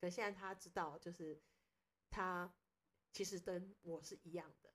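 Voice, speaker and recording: A young woman, hosting a podcast and telling a personal story in a casual, animated way, acting out what people said. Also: lowish voice, normal speed. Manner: animated storyteller, acts out quoted speech. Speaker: podcast host.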